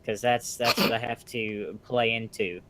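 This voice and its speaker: A man's voice: on the low side, fairly even intonation, measured pace, noisy background. A man from Alabama, co-hosting a podcast and chatting in a jokey, easygoing way. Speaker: podcast co-host. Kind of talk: casual chat.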